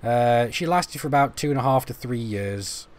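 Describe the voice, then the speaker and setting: A young British man commentates a live game stream casually, rambling and poking fun at himself while he chats to viewers and fiddles with menus. His medium-pitched voice is animated, at a normal speed.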